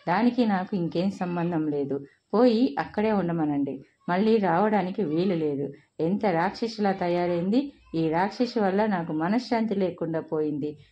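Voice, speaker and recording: A woman's voice: mid-range voice, lo-fi sound, close to an everyday voice. A woman voicing a furious, bitter middle-aged mother who scolds shrilly in a read-aloud family story.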